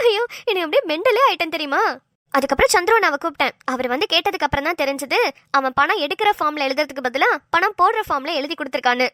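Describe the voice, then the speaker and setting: A woman's voice: high voice, fast, no echo. A woman voicing a chatty young wife who teases and tells stories, close and dry. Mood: teasing. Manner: chatty, teasing, animated storytelling.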